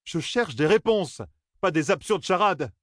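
A man voicing an angry, defiant young man who shouts curses in a raised voice. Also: sits high, animated, a little slow, no echo, studio quality, pitched above the performer's own voice. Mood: indignant.

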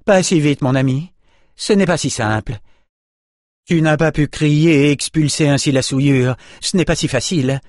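A man reading an audiobook, voicing an indignant, scolding female sorceress who was once the hero's mentor, pitching his voice higher for her. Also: normal speed, darkish tone, dry recording, clean studio sound, lightly acted. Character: fierce female sorceress, exasperated former mentor.

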